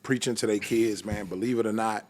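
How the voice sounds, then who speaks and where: A man's voice: on the low side, fairly even intonation, a little fast, darkish tone, slight background noise. A man in casual conversation, talking in a colloquial, encouraging way. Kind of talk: casual chat.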